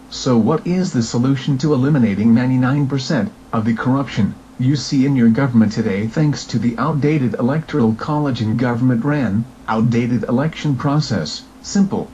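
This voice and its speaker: A man's voice: medium pitch, dark tone. A man narrating a scripted political message in a formal, declarative way. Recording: dull lo-fi sound, faint noise.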